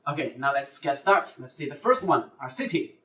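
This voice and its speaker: The host of a live university recruitment lecture, a man, speaks with hesitation, fillers and self-corrections, yet his medium-pitched voice is expressive, bright and forceful at a moderate pace. He is recorded far off the mic in a roomy space.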